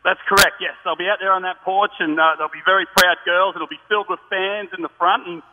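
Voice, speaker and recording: A high-pitched man works as a roving parade commentator, live for radio. He talks in a chatty, matey way. The sound is dull and reverberant, with plenty of noise around him. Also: steady tone, fast. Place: outdoors on a parade route. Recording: noisy outdoor link, dull sound.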